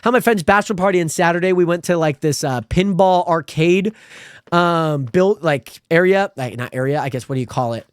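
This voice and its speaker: A twentysomething man from Spokane, Washington livestreams, reading viewer comments in a rambling, friendly chat at a moderate pace. He's animated, with sudden jumps to a high pitch. His tone is clean and the recording dry, with clean studio sound.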